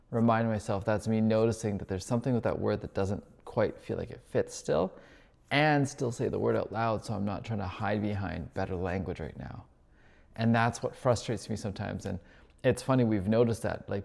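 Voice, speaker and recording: A man with a low, gravelly voice talks through his thoughts in a loose, introspective ramble. He catches and corrects his own words as he goes, like a spiritual coach reflecting out loud. His voice trails off into a long hall reverb. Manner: introspective, thinking aloud, self-correcting. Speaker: spiritual coach and retreat host.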